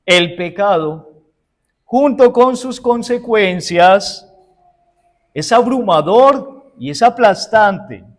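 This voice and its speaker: A man's voice: sits high, animated, slow pace. A man preaching a sermon as pastor with a Uruguayan Spanish accent. He preaches emphatically, often asks his congregation rhetorical questions and answers them himself, and keeps calling them brothers and sisters. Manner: addresses listeners as brothers and sisters.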